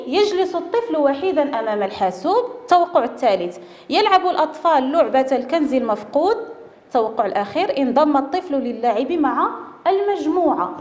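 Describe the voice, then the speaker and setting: A woman teaches young children to read, stretching each syllable slowly. Her voice sits high and swings widely in pitch. The recording carries a roomy echo with a long tail. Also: a little mellow. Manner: slow, drawn-out syllables for children. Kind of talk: primary school reading lesson. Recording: echoey room with long reverb.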